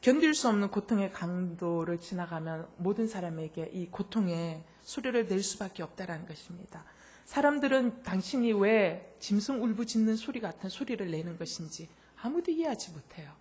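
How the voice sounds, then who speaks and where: A middle-aged woman pastor delivers a heartfelt sermon in a naturally loud voice. Her pitch rises and falls widely as she tells her story and acts out the voices in it. She drops to soft, close lines, then builds to impassioned peaks. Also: animated, normal speed. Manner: emotional storytelling, acts out quoted dialogue; swings between soft intimate lines and loud impassioned bursts. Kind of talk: sermon with personal testimony.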